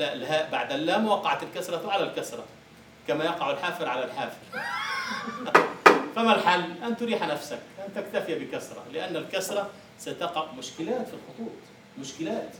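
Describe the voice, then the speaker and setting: With a slightly high, fairly bright voice, a male lecturer explains material to a university class through questions he puts to the students and then answers. There's a little hiss or hum, and the echoey room is captured from far away.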